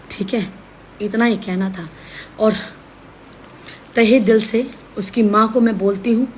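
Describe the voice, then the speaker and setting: A woman's voice: medium pitch, a little mellow, slight background noise. A woman ranting on a live stream from her phone, scolding and accusing in an insistent way. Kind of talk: heated live-stream rant.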